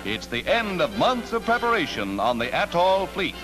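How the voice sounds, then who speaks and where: Male 1940s newsreel announcer, emphatic and animated, old newsreel soundtrack over loud music. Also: high voice, normal speed. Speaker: newsreel narrator.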